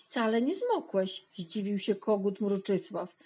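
A woman reading a children's animal story aloud, gently and unhurriedly, lightly voicing the animals. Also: mid-range voice, big pitch swings, measured pace, slightly rough, poor audio.

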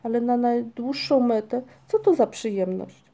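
A woman's voice: fairly high pitch, moderate pace, gravelly, warm tone, pitched above the performer's own voice. A woman playing a fussy, ponderous storybook creature. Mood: lecturing. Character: fussy, plodding male creature in a dress.

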